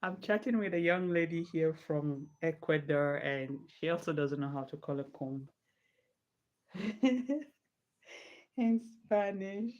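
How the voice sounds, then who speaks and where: A woman from Nigeria livestreams as a hair vlogger, chatting informally with viewers and replying to comments while styling hair. Her low-pitched, darkish voice is slow, with frequent pauses, and the recording sounds dull and lo-fi.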